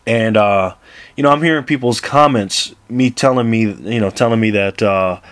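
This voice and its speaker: A man's voice: on the low side, moderate pace, fairly bright tone, dry recording. A man in his thirties talking casually to camera about basketball, laughing often and rambling with restarts. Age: 30s. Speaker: basketball vlogger.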